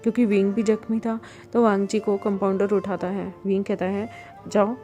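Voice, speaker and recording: A woman's voice: medium pitch, level tone, a little fast, dark tone, faint music behind. A woman retelling a story in a chatty, casual way, talking to her listeners.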